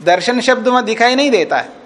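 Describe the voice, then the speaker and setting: A man's voice: very high-pitched, lively intonation, quick pace, fairly bright tone. A man teaching a class as a swami, reciting Sanskrit lines and explaining each phrase, and checking whether his students follow. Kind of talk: classroom lecture on a scripture text. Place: teaching session at a retreat.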